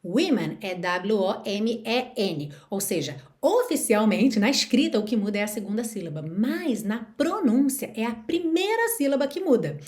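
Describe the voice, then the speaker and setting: A woman with a Brazilian accent teaching English pronunciation through song lyrics. She reads English lines slowly and carefully, and often checks in with her listeners. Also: fairly high pitch, big pitch swings, darkish tone. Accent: Brazilian Portuguese. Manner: checks in with tag questions.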